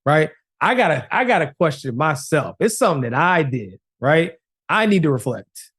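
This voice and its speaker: A man's voice: on the high side, big pitch swings, moderate pace, fairly bright tone, slightly rough. A man co-hosting a podcast, talking emphatically and often asking "right?" as he makes his point. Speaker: podcast co-host. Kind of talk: casual podcast chat.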